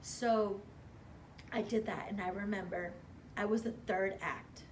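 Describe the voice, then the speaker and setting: An animated woman recounts her career in a relaxed interview, slipping into quoted voices and gasping for effect. Her voice sits at a middling pitch for a woman, with a faint hiss of background noise behind her. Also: a little slow. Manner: animated, acts out quoted dialogue with gasps. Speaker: hair stylist guest. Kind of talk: casual interview storytelling.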